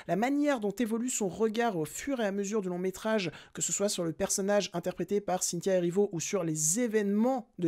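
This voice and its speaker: Animated young man reviewing films. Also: high-pitched. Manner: animated, emphatic, talks straight to listeners. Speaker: podcast film critic. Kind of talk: casual spoken film review.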